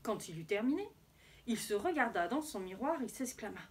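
A woman teacher reading a picture book aloud to children in an expressive storytelling voice. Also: fairly high pitch, brisk.

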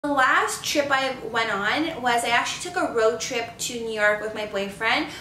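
Upbeat twenty-something vlogger gal from canada, a bit high, echoey room and set back from the mic. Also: female voice, sharp tone, a little hiss or hum. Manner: upbeat, chatty, quick bursts of speech. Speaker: beauty vlogger. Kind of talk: casual chat to camera. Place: living room or home office, indoors. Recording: roomy, slightly distant sound.

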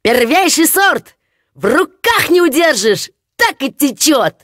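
Cheerful simpleton youth for an audiobook fairy tale, played by a woman; shouty and bouncy, dry close sound. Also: sits high, big pitch swings, slow, no room sound, voice pushed up, exaggerated voice. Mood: gleeful. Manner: boastful, shouting, laughing. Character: silly cheerful young peasant lad.

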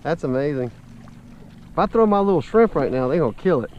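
A man hosting a fishing show from his kayak on an open lagoon, giving excited, laughing commentary to viewers, picked up by an action camera outdoors. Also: on the high side, fairly quick, highs cut off. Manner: animated, laughing, calls out to viewers. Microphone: action camera mounted on the kayak.

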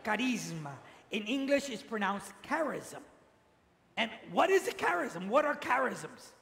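A man's voice: very high voice, very animated, normal speed, vocal fry, fairly bright tone. A man, a priest, giving a teaching sermon in a large church and having the congregation repeat phrases after him. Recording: echoey church with long reverb.

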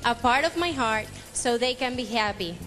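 A woman's voice: fairly high pitch, expressive, normal speed, fairly bright tone, faint music behind. Poised Puerto Rican woman answering in a pageant. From Puerto Rico. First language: Spanish. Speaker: beauty pageant contestant.

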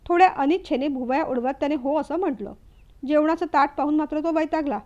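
A woman narrating a family story in a steady storytelling read. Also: sits high, brisk, dull audio.

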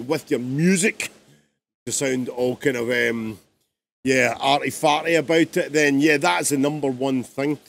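A man's voice: a little high, vocal fry, a little hiss or hum. A man, a music producer, talks casually through his song in a live-streamed production tutorial, chatty and rambling.

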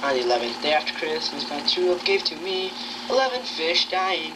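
A woman's voice: deep voice, expressive. Woman on hissy old VHS tape. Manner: giggly, drawn-out singing. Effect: old home VHS tape recording. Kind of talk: silly parody carol singing.

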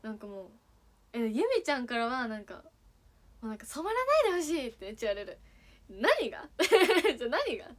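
A woman's voice: fairly high pitch, big pitch swings, fairly quick. Giggly young woman with a Kagawa accent. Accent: Sanuki dialect (Kagawa). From Kagawa, Japan. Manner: giggly, playful, teasing. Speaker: idol streaming and chatting with fans. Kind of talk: casual livestream chat reading fan messages.

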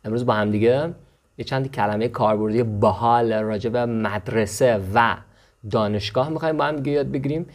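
Chatty man teaching. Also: mid-range voice. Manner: slows down to spell out foreign words, then speeds up explaining; chatty, checks in with "okay?" and "right?". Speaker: language teacher. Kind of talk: casual language lesson.

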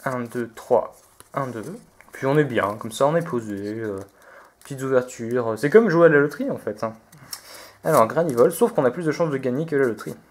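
A man hosting a relaxed card-pack opening video, chatty and hesitant, reading out each card name as he goes. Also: medium pitch, moderate pace. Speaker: video host opening trading card packs. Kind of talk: relaxed unboxing commentary.

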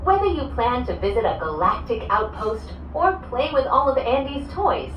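Loudspeaker announcement from a lively-voiced woman. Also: on the high side, moderate pace. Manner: bright, lilting and polished. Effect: played over a loudspeaker in a gondola cabin. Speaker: ride announcer. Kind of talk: scripted recorded announcement. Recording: echoey speaker heard from a distance with ride noise.

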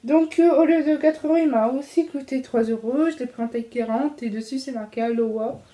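A young woman with a French accent talks through her shopping haul in a loose, chatty way, stopping on fillers and correcting herself as she goes. Her voice sits high but has a soft, mellow tone. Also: fairly quick, soft background music. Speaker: fashion vlogger. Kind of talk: casual clothing haul.

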